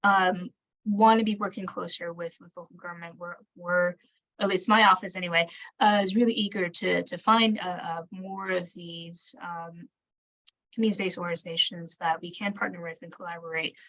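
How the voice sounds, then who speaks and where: Lowish-voiced woman fielding questions, tentative. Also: steady tone, normal speed, a bit bright, rough recording. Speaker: training presenter, local government staffer. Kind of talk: spontaneous answers in an online Q&A.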